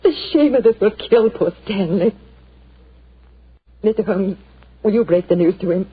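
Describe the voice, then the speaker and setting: A tremulous general's wife. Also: female voice, medium pitch, normal speed, husky. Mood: tearful. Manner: tremulous, pleading. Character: distraught upper-class wife of a general. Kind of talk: 1940s radio acting. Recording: lo-fi old radio broadcast.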